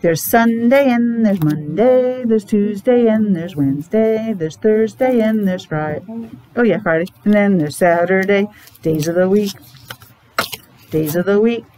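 A middle-aged preschool teacher runs a children's morning meeting, asking questions in simple, sing-song language, her voice a bit muffled by a face mask. She speaks at medium pitch with a mellow, measured delivery. The device mic sits about arm's length away in a noisy classroom.

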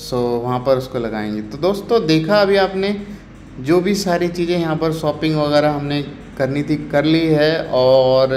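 Chatting to viewers as he wanders a crowded outdoor night market, an Indian travel vlogger speaks Hindi laced with English and plenty of fillers. His slightly mellow voice sits on the high side, and the echoey street recording has faint ambience and slight background noise.

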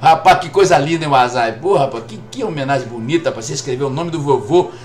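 A man's voice: mid-range voice, expressive, fast talker, soft background music. A Brazilian man in his fifties chatting jokily to viewers on a live game stream, repeating "rapaz" over and over. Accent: Brazilian Portuguese. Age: 50s. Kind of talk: live gameplay stream chat.

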